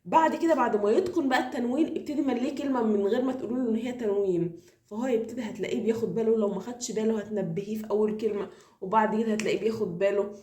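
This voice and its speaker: Fast-talking Egyptian woman teacher. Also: on the high side, roomy sound. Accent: Egyptian Arabic. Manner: drills with quick repeated questions, animated explaining. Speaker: reading teacher and mother. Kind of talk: tutorial tips for parents.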